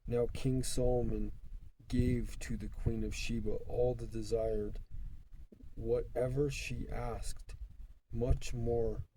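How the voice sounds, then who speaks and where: A man reading scripture aloud in a stiff, halting way, in short broken phrases, on a noisy recording with clicks. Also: medium pitch, little pitch movement, dark tone. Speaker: Bible reader.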